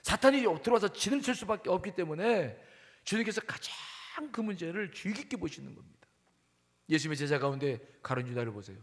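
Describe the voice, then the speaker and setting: A male pastor preaching a sermon emphatically, questioning the congregation and moving between loud and hushed delivery. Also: high voice, animated, fast. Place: church sanctuary. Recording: long hall reverb.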